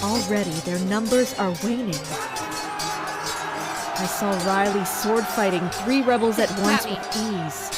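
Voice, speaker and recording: A woman gives a lightly acted, first-person dramatic narration as a tense, commanding castle fighter, her mood watchful. Her mid-range voice is unhurried, heard over music and a loud crowd.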